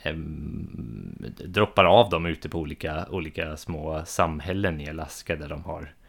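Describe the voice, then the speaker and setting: A man's voice: extremely low pitch, vocal fry, breathy edge. A man in his thirties, a podcast co-host chatting casually about board games, hesitant with many fillers and restarts. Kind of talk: casual chat.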